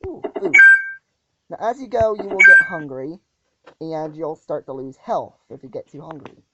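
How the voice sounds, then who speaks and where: A woman's voice: low voice, wildly swooping pitch, moderate pace. A woman hosting a casual gameplay walkthrough, talking hesitantly with many ums and restarts. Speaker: gaming channel host. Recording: dull lo-fi audio with loud noise.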